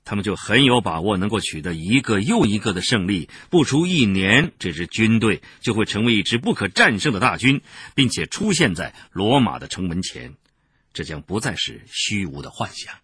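A man reading a historical novel aloud in a dramatic audiobook narration, swinging expressively between loud and soft passages. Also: lowish voice, slightly rough, no room sound.

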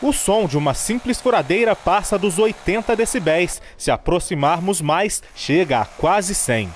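High-voiced male news reporter over traffic. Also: lively intonation. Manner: measured, informative delivery. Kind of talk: scripted news narration.

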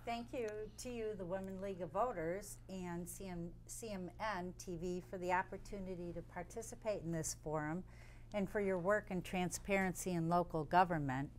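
A woman's voice: on the low side, normal speed, slight background noise. A woman candidate giving a formal introduction at a forum, listing her credentials. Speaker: candidate, former mayor. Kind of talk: campaign forum statement.

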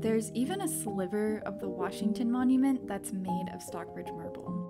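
A woman hosting a geology video, giving clear, upbeat scripted science narration. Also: medium pitch. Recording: background music under voice-over. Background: background music.

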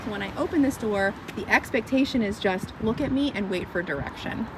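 A dog trainer in her thirties films a casual instructional vlog on a phone camera held at arm's length, starting in a parked car and moving outside onto a street. Her mid-range voice is brisk, and her manner is calm, upbeat and explanatory. Noisy car and street ambience fill the recording.

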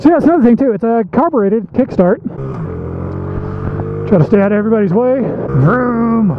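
A man giving excitable, joking commentary to his viewers while riding a small motorbike through town traffic, recorded outdoors on the road. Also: very high voice, brisk. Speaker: motovlogger. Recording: dull muffled sound with loud road and wind noise. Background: traffic and engine noise.

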